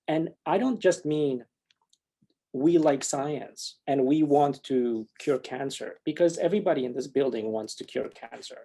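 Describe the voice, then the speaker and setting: A man's voice: fairly high pitch, mellow. A man from Poland giving a talk and answering audience questions, reflective and wry, with frequent restarts.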